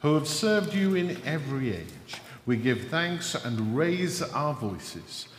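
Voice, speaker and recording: A man presiding at a church service, reading the liturgy in a measured, solemn way, his voice ringing with cathedral echo. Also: on the high side, very animated. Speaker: presiding minister. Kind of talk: leading a liturgical prayer. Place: large church. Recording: echoey church hall, faint noise.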